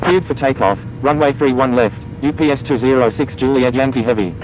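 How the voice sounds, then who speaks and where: A man speaking as a pilot on a cockpit headset, reading back clearances in clipped, procedural radio phraseology. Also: brisk. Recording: muffled radio with loud engine rumble.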